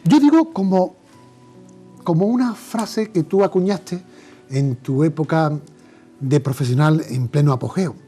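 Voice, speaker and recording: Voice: mid-range voice, unhurried, mellow, slightly rough, soft background music. An interview host asking questions and affirming the guest with short agreements.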